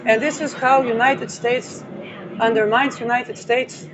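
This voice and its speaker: A woman's voice: on the high side, steady tone, measured pace. Rambling woman astrologer, lo-fi and noisy. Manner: digressive, playful asides with frequent fillers. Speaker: astrology channel host. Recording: dull lo-fi audio with vehicle noise.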